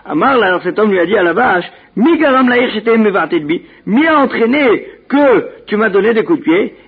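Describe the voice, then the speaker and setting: A man teaching a religious text, reading each Hebrew phrase and then translating it into French in a measured way, with small restarts. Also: sits high, gravelly, slightly rough, phone-quality sound. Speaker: Talmud teacher.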